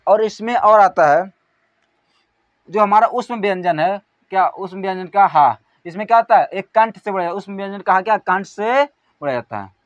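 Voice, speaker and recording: A man teaching an exam-prep grammar lesson, asking questions and answering them himself, calling out syllables one by one and trailing off softly. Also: sits high, moderate pace, no room sound, dull audio.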